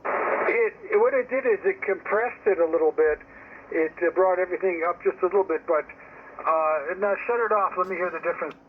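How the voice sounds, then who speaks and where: An amateur radio operator with a high-pitched voice talks at a normal speed in a casual, opinionated, rambling ham radio chat. He is heard over a narrowband link, so the transmission sounds tinny and carries static noise.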